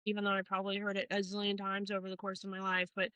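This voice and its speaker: Middle-aged woman from Portland, loose and profane storyteller, mid pitch, dry room. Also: monotone, very fast, sharp tone, smooth, no echo, low-quality recording. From Portland, Oregon, US. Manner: rambling, profane, many fillers and restarts. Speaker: tattoo artist guest. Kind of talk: casual interview storytelling.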